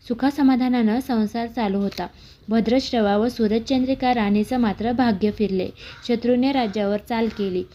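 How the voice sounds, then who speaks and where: A woman reading a devotional story aloud, with small slips and restarts, raising her pitch for quoted characters. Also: mellow, dull audio, a little hiss or hum.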